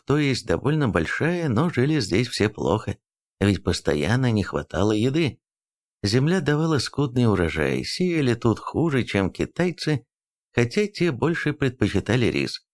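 A man reading a novel aloud as a narrator, in an even storytelling manner. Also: lowish voice. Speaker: audiobook narrator. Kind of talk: scripted narration.

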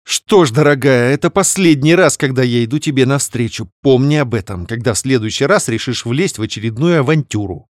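A man's voice: mid-range voice, expressive, a little fast, hardly any pauses, dry recording, clean studio sound, voice pushed up, close to an everyday voice. Irritable tired young woman, voiced by a man, grumbling and snapping. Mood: irritated.

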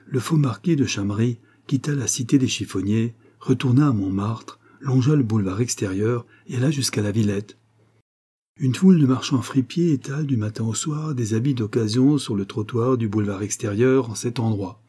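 A man reading a novel aloud as an audiobook narrator, steady and measured. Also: mid-range voice, breathy edge.

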